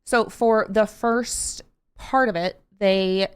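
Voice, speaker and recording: Woman podcast co-host, chatty and excitable, drifts from tangent to tangent. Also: medium pitch, slow pace, smooth. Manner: rambling, excitable storyteller, jumps between tangents. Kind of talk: casual chat.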